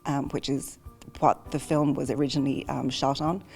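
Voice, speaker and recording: A woman's voice: a bass voice, level tone, moderate pace, creaky, darkish tone, faint music behind. A woman speaking as an archivist, explaining things step by step in an interview. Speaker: film archivist.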